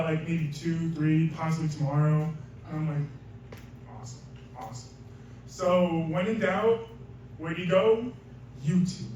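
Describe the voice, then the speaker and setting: A man's voice: high-pitched, distant mic, slight background noise. Young man telling a story live, echoey room. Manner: casual, chatty, laughs often, acts out quotes. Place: small venue in front of a live audience. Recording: roomy live venue recording from afar.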